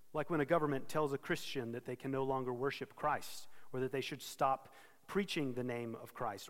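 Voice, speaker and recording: A man preaching an expository sermon, earnest and steady, pausing to correct himself now and then. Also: on the high side, big-room sound. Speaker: pastor.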